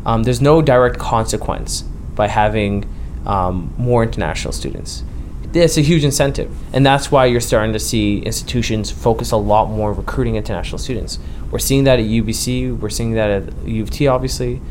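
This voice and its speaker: A man's voice: on the low side, a little fast, hardly any pauses, a little mellow, a little hiss or hum. A young man, a student union president, explaining in an interview with frequent ums and tag questions.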